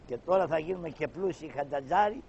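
A man's voice: fairly high pitch, lively intonation, vocal fry, darkish tone, a little hiss or hum. Karagiozis, voiced by a man, a cheeky trickster. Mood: scheming. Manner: cheeky, quick and dismissive. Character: cunning poor trickster posing as a doctor, cheeky. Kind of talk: Greek shadow-puppet theater. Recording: dull lo-fi recording.

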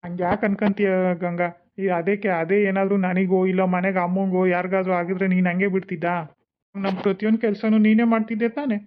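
Cartoon husband voiced by an actor, quick, flat and reassuring, tinny phone-like sound. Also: medium pitch, natural voice. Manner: patient, persuasive reassurance. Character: young husband, calm and reassuring. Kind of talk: cartoon voice acting.

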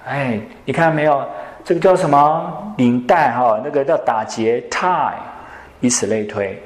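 A male English teacher, lecturing a classroom and quizzing students with quick questions. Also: medium pitch. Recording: echoey classroom.

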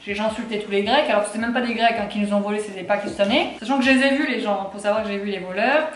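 A woman's voice: medium pitch, racing. A young woman vlogging casually, chatty and exasperated, with lots of fillers and sarcastic asides. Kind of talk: casual vlog chat. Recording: echoey room with faint noise.

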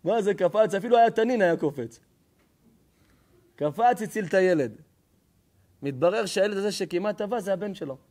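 A man with a fairly high voice preaches a Torah lesson as a storyteller. He quizzes his listeners and answers his own questions. He moves from ringing exclamations to quiet, low asides. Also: animated, pauses often. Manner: swings between loud exclaiming and hushed low asides; asks the audience questions and answers them himself. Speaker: rabbi giving a Torah lesson. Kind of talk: lively storytelling sermon.

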